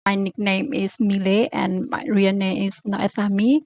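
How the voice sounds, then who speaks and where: A young woman student with a strongly gravelly, creaky voice introduces herself. She often breaks off and restarts her sentences. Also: mid-range voice, flat delivery, a little slow, darkish tone. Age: young adult.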